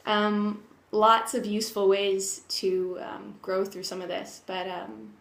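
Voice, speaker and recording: A woman speaks pensively in a mid-pitched voice, as if thinking aloud in a personal vlog. The delivery is earnest and open, with thoughts that trail off and get picked up again. The room adds a clear echo around the words. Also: flat delivery, slow, fairly bright tone. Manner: candid, earnest, emotionally open. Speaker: personal development vlogger sharing their own journey. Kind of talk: reflective personal vlog monologue. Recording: echoey room.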